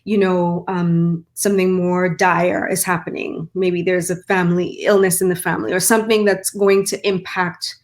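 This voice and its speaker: With a low-leaning voice that barely shifts in pitch, this middle-aged woman from Trinidad and Tobago talks at a moderate pace with few pauses. She's a mental performance coach being interviewed, offering sincere explanations in a Trinidadian accent and frequently using "like" and "right?"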